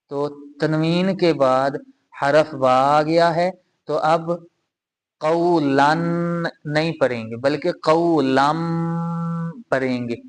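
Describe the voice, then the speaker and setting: Slow, patient male Quran teacher. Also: a little high. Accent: Urdu-speaking Pakistani. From Pakistan. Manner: slow, patient, repeats and spells out sounds. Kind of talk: step-by-step tajweed lesson.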